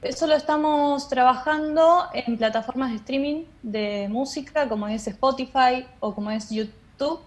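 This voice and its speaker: An interview guest who works as a theatre director and drama teacher, this woman explains things in an Argentine accent. Her voice is high-pitched and unhurried, with few pauses.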